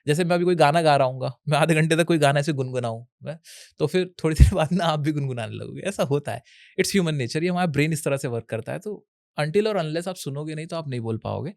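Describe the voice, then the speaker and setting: A young man from India talks casually as an interview guest, giving advice and mixing in English. His voice sits a little high and sounds dry and close. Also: fast talker, gravelly, darkish tone, dry recording. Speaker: educational YouTuber guest. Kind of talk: casual Hinglish interview talk.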